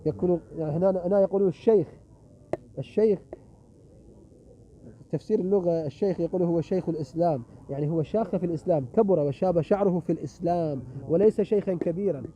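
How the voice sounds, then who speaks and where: A middle-aged man delivers a sermon at a religious gathering in a high voice, hurrying and emphatic as he throws rhetorical questions at his listeners. The recording is muffled, with faint noise behind him. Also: quick pace, mellow. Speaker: visiting preacher. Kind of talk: sermon with closing prayer.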